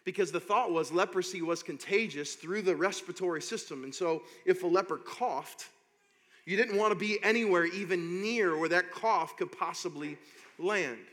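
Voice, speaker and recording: A man preaching a sermon as pastor, reading scripture slowly and building to loud, impassioned preaching. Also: sits high. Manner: reads scripture slowly and deliberately. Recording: long hall reverb.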